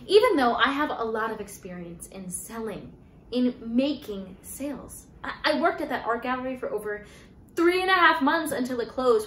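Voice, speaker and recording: A woman's voice: fairly high pitch, fairly bright tone. An actress in her twenties playing a flustered, defensive young jobless graduate in a naturalistic stage monologue, rambling and hesitant. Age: 20s. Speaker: actor performing a monologue. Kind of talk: naturalistic contemporary theatre monologue. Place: small bare-walled room indoors. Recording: echoey room, faint hiss and noise.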